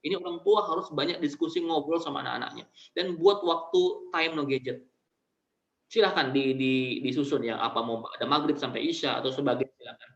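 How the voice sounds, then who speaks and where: A man's voice: fairly high pitch, a bit bright. A male Islamic preacher, giving an online study sermon to mothers in a chatty, way, often adding "ya" and speaking straight to his listeners. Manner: chatty, colloquial, addresses listeners directly with frequent "ya". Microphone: video call. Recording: roomy, dull lo-fi video call audio.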